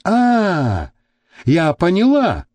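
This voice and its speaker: Guy doing a coquettish young model lady, high and swooping, slow. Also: huge pitch swings, darkish tone, no echo, exaggerated voice. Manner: chirping, coquettish.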